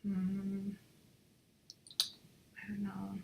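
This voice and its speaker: A woman's voice: mid-range voice, completely flat delivery, extremely slow, vocal fry, noisy background. A woman talking through her design work on a screen recording, chatty and muttering to herself as she goes, slipping in Spanish phrases now and then. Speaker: job applicant.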